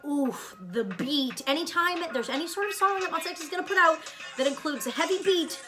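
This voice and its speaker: A woman chats casually as co-host of a reaction video, gushing and excitable, with plenty of likes and ums. Her voice is bright and sits a little high. Music plays faintly behind her. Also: brisk. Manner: gushing, excitable, lots of fillers.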